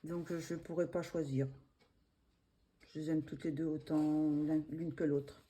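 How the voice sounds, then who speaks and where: A woman's voice: low-pitched, level tone, unhurried, warm tone, breathy edge. A woman hosting a coloring vlog, casually showing her favorite pages with many hesitations and restarts. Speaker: coloring channel host. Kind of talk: casual show-and-tell vlog.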